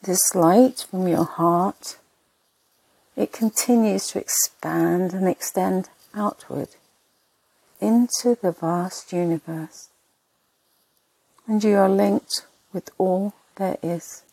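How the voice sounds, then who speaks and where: A woman narrating a sleep meditation in a soft, breathy, husky voice, soothing and hushed, in short spaced phrases. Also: medium pitch, slow, long pauses, no room sound, low-quality recording.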